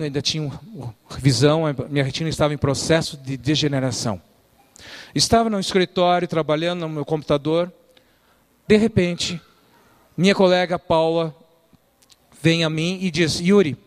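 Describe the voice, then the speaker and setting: A middle-aged man preaching in a church, telling lively stories, quoting people and quizzing his listeners. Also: fairly high pitch. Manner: lively storyteller, quotes people and quizzes the audience. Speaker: church speaker. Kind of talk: storytelling sermon. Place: church hall.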